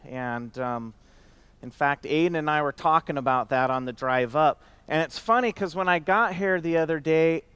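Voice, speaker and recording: Smooth-voiced man giving a rambling talk. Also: fairly high pitch, moderate pace, no echo. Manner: warm, rambling, frequent fillers and restarts. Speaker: company speaker. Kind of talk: conference speech.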